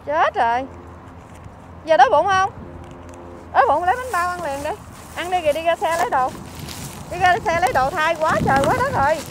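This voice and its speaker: A woman with a Southern Vietnamese accent, a vlogger chatting on the street who fusses, scolds and keeps exclaiming out loud. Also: extremely high pitch, expressive, brisk, long pauses, slight background noise. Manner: scolding and fussing, exclaims often. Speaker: vlogger helping homeless people. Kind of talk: casual on-street chat. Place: outdoors by a street.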